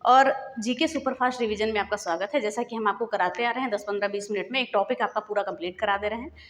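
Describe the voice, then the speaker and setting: A woman teacher giving a quick exam revision lesson, repeating key facts as questions and then answering them. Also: mid-range voice. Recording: echoey room with long reverb.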